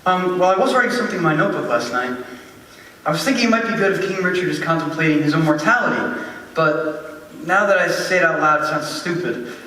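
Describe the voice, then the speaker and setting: A young man acting a shy, self-doubting young male writer in a school stage musical, talking in a timid, rushed way. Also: fairly high pitch, expressive, sharp tone. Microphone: distant room mic. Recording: echoey hall heard from far off.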